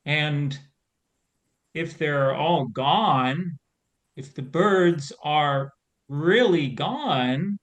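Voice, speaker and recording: A man playing a weary gentle scarecrow. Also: a little high, lively intonation, heavily acted. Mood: sorrowful. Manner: slow, measured, gently soothing. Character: weary old male scarecrow, gentle guardian. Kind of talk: audio drama reading.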